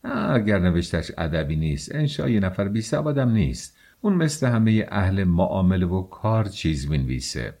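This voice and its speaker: A man voicing a bitter, feverish young man who speaks scornfully and in low mutters. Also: very animated, gravelly, mellow, heavily acted.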